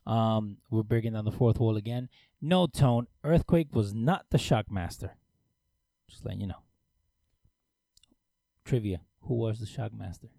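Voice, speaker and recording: A man co-hosts a casual podcast, his voice mellow and on the dark side. He jokes and cuts in animatedly on his partner. The sound is dry, with no room echo. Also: on the low side, measured pace, gravelly, pauses often. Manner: animated, joking, talks over his partner. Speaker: podcast co-host. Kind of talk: casual wrestling chat.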